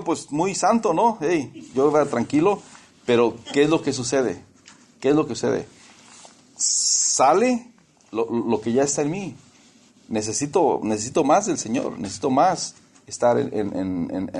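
A man's voice: mid-range voice, a little mellow, slightly rough. A man preaching a sermon, telling personal stories, calling listeners brothers and slipping English words into his talk.

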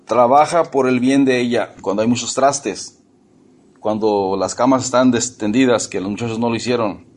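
A man's voice: mid-range voice, normal speed, a little mellow. A man preaching a sermon to his congregation. He is emphatic, repeats words and asks his listeners questions. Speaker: pastor.

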